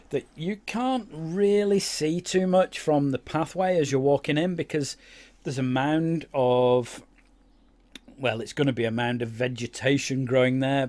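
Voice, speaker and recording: A man's voice: mid-range voice, darkish tone. A man giving casual, rambling commentary over his own gameplay, with many fillers and restarts. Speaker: game YouTuber.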